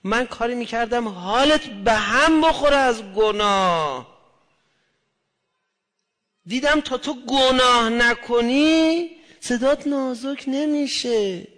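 A man preaching a religious sermon, shifting between hushed murmurs and loud impassioned cries. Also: very high voice, big-room sound.

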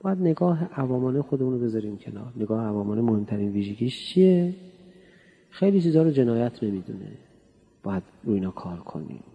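A man's voice: mid-range voice, sing-song, husky, muffled recording. A man giving a sermon in a hall, talking to the crowd in a chatty, playful way and often asking them questions. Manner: conversational, playful, asks the audience questions. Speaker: cleric giving a religious talk. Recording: hall reverb.

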